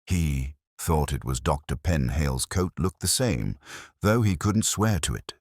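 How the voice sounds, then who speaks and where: Heavily acted and exaggerated, a very low-voiced man plays a worn-out police inspector narrating his own case in an audio mystery drama. His delivery is measured and literary, reflective and brooding, expressive with lots of pitch movement and a slightly mellow quality. It's captured close and dry, without any room sound.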